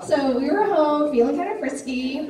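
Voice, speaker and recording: A woman's voice: high voice, lively intonation, normal speed. Chatty woman doing stand-up in an echoey club. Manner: chatty, self-deprecating, asks the crowd questions. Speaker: stand-up comedian. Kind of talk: stand-up comedy set. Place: comedy club stage. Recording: echoey club from far off with crowd. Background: audience laughter.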